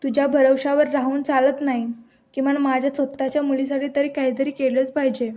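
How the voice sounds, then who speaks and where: A woman's voice: sits high, flat delivery, brisk, dull audio, close to an everyday voice. A woman voicing a selfish, anxious middle-aged woman who scolds, in her own voice. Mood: scolding.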